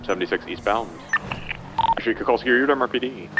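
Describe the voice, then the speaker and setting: Guy's voice bleeding thru a game radio, quick clipped callouts, heavy music behind. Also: medium pitch. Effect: other players' voices coming over an in-game radio. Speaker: roleplay police air unit pilot.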